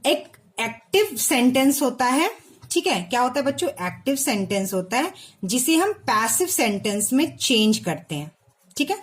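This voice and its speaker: A woman's voice: high voice, big pitch swings, moderate pace. A woman teacher explaining a lesson to children, spelling words out letter by letter and often checking if they follow. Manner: repeats and checks with "ठीक है?"; addresses children directly.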